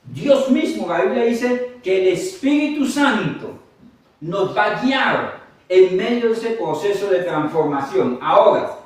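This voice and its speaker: A man preaching a sermon as pastor, animated, with humorous asides to his congregation. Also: high-pitched, measured pace. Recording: echoey hall, mic at a distance.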